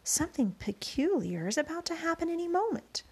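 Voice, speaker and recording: A woman voicing a sad, lonely young boy in a storybook reading, hushed and worried. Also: very high-pitched, sing-song, brisk, pitched above the performer's own voice, heavily acted.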